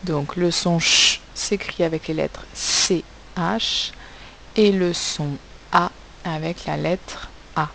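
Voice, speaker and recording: A woman's voice: lowish voice, fairly even intonation, slow, creaky, a bit bright, a little hiss or hum, rough recording. A woman teacher giving a recorded phonics lesson to young pupils, carefully spelling out sounds and letters.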